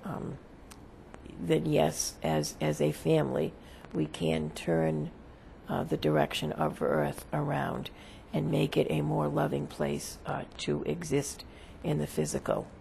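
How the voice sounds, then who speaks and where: A seance medium channeling as a spirit, with a creaky voice, answering questions in halting, solemn, formal phrases. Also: mid-range voice, flat delivery, warm tone, slight background noise.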